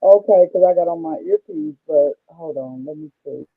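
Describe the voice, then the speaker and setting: A woman's voice: on the low side, big pitch swings, moderate pace, vocal fry, breathy edge. A woman joining a casual group call through a bluetooth earpiece that makes her sound muffled, as if in a tunnel. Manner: checking if others can hear her. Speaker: panel participant on a group call. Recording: tinny muffled headset line.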